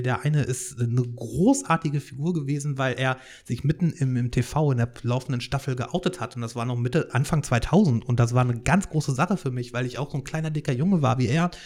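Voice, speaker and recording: A podcast host in his thirties from Hannover, Germany, speaks freely in a casual monologue with a medium-pitched, darkish voice. He rambles, restarts his sentences and fills pauses with small hesitations.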